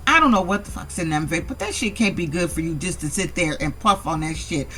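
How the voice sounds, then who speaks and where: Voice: mid-range voice, animated, brisk, sharp tone. Sassy, profane reality-show recapper. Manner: sassy, blunt and heavily profane; exasperated rhetorical asides. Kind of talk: casual reality TV recap commentary.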